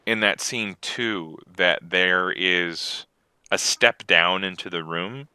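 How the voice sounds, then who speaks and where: Guy rambling on a gaming podcast, low bright voice, super dry. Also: takes it slowly, smooth, dry recording. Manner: rambling, animated, chuckling. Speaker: podcast co-host. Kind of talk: casual gaming chat.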